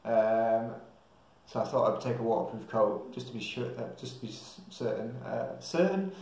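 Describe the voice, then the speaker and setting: Inside a small tiled room with a lot of echo off the hard walls, a young English travel vlogger rambles to his camera. He's hesitant and thinking aloud, speaking at a moderate pace. His mid-range voice has a darkish tone.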